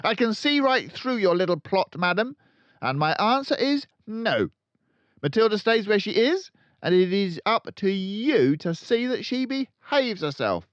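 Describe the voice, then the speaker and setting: A furious, domineering storybook headmistress, acted out by a man. The voice is pushed high and loud, leaping about as it snorts and bellows. The recording is slightly muffled and dry. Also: big pitch swings, a little slow, no echo. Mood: outraged. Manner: barking, bellowing, snorting contempt. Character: tyrannical, furious, bullying headmistress, a huge middle-aged woman. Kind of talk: children's audiobook character voice.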